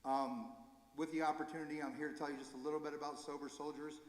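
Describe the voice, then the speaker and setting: A man's voice: a little high, flat delivery. Earnest man speaking in an echoey church. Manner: earnest, halting, self-correcting. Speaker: recovery ministry leader. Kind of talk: informal church talk. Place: church sanctuary. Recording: echoey hall with long reverb.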